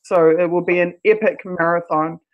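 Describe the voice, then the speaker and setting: Host for a supporters' livestream: froggy, croaky voice at middling pitch, earnest delivery with halting phrasing. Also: fairly even intonation, dull audio.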